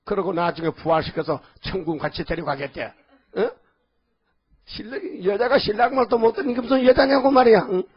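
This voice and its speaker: A man preaching a sermon in a folksy, rambling way, often calling out to the congregation with quick questions. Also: high voice, slightly rough. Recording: dull lo-fi audio.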